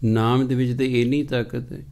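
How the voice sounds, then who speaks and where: A man with a Punjabi accent preaching a Sikh scripture sermon, chanting verses slowly and breaking into lively rhetorical questions and acted-out everyday dialogue. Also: mid-range voice, creaky.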